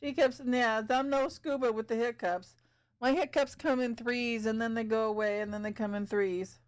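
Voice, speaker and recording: A woman's voice: on the high side, fairly even intonation, moderate pace, smooth. A woman streaming live as she paints, chatting casually with viewers, thinking aloud and giggling often.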